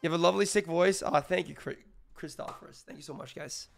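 A man streaming live with a sick, hoarse voice, chatting casually with his viewers in a rambling way. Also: a little high, quick pace, faint music behind. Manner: rambling, filler-heavy, greets chat.

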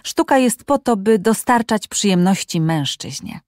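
A woman's voice: medium pitch, lively intonation, unhurried, a little mellow, no room sound, close to an everyday voice. Narrator doing a pompous guy laying down the law, dry audiobook. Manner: pompous, declaring. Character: pompous man declaring women's place.

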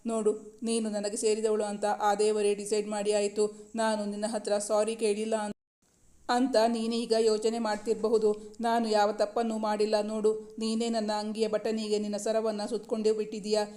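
A woman's voice: medium pitch, completely flat delivery, normal speed, warm tone, natural voice. A woman reading the lines of a playful, affectionate young man who is the hero of a romance story. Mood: teasing. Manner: playful, affectionate, mock-stern.

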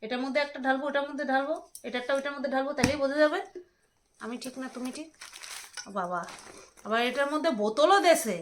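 A woman's voice: high voice, fast, noisy background. A woman, chatting casually as she unboxes items and teases her husband. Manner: teasing, bickering with her husband. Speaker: vlogger. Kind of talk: casual home vlog, unboxing.

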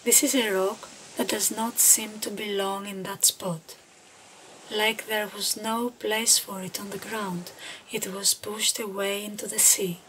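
A woman leading a guided meditation speaks slowly in a mid-range voice with a flat delivery, her phrasing gentle, unhurried and deliberate with pauses. Ambient background noise is clearly present.

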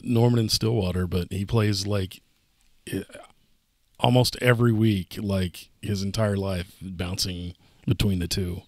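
A man's voice: low-pitched, fairly even intonation, unhurried, no room sound. A man journalist in a studio, talking casually and hesitantly, searching for words with lots of fillers. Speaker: journalist on a newsroom podcast. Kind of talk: casual newsroom chat.

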